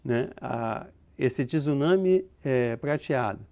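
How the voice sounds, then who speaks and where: Here a Brazilian demographer talks slowly, his medium-pitched, darkish voice carrying lively intonation. He works through concepts in an interview with many hesitations, fillers and restarts.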